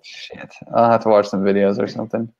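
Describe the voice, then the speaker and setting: Man in a team call, loose and rambling, low voice, muffled lo-fi sound. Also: level tone, brisk, gravelly, darkish tone. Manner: loose, rambling, many fillers. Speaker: team member reporting on campaigns. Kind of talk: casual meeting talk. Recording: dull lo-fi call audio.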